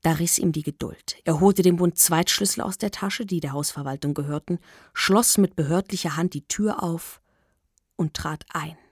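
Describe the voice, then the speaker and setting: A woman reading a novel aloud in measured, expressive scripted narration. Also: lowish voice, breathy edge, no echo, clean studio sound. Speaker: audiobook reader.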